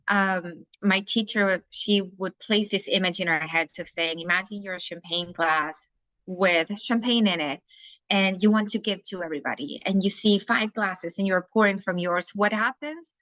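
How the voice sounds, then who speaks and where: On a low-quality, dry recording, a woman from Chile gives blunt, frank answers as a podcast guest in a relaxed interview conversation. She's a life coach who speaks English with a Chilean Spanish accent, in a medium-pitched, fairly bright voice at a moderate pace.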